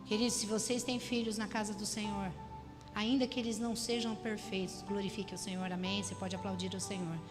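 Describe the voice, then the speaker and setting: A woman's voice: mid-range voice, steady tone, a little fast. A Brazilian woman preaching a sermon to her congregation, repeating phrases and exhorting the listeners. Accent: Brazilian Portuguese. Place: church hall. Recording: church hall reverb with music.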